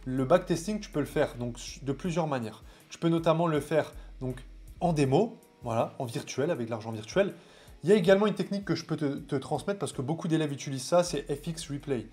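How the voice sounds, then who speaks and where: A man with a French accent coaching viewers on trading, talking casually and directly to the camera with animated, familiar asides. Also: a little high, fairly quick.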